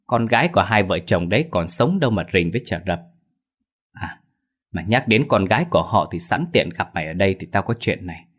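A man voicing a crude, foul-mouthed male thief who yells, curses and scolds his friend in a raised voice. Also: low-pitched, animated, brisk, slightly rough, heavily acted. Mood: scolding. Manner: loud, cursing, scolding.

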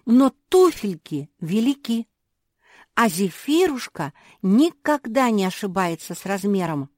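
A woman voicing a secretive little female dog who speaks in a hushed, confiding way. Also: mid-range voice, big pitch swings, unhurried, no echo, clean studio sound, pitched above the performer's own voice.

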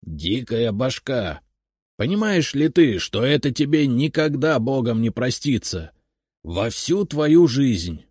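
A man reading a story aloud, voicing a cranky, mocking old grandfather in a raised, shrill voice. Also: big pitch swings, slow, husky, no echo, clean studio sound, full character voice. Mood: scandalized.

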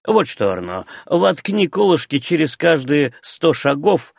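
A man playing a crossbowman, boastful, challenging, gravelly, dry close recording, storybook reading. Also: on the high side, dry recording, exaggerated voice. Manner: proud, challenging.

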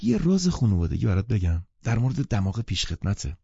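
A man's voice: on the low side, big pitch swings, gravelly, mellow, husky, no echo, muffled recording, full character voice. A male narrator voicing a playful young woman who speaks in a teasing, sing-song way. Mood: confiding.

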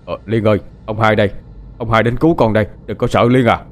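A man's voice: on the low side, fast talker, lightly acted. A man voicing a startled old grandfather who gives urgent orders and stumbles over hesitant fillers.

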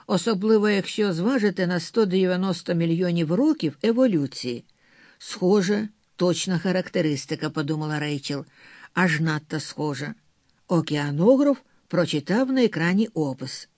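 A man's voice: high-pitched, a little mellow, no echo, studio quality. A man narrating an audiobook of a novel and reading the characters' lines himself.

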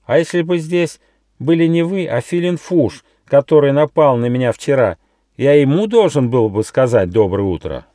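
A man voicing a small, timid and cheeky young mouse in a fairy tale, squeaky and quick to take offence. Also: lively intonation, dark tone, no echo, clean studio sound, lightly acted. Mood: squeaky, sulky.

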